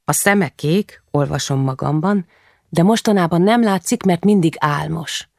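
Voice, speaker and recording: A woman reading a first-person novel in a quiet, measured way, lifting her voice for the children. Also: on the low side, creaky, no echo, clean studio sound. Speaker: audiobook narrator.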